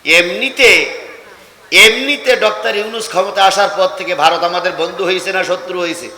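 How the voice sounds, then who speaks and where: Fiery preacher man, booming echoey PA. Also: moderate pace. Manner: swings from calm asides to loud shouted exhortation. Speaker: preacher at a political rally. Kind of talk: fiery sermon.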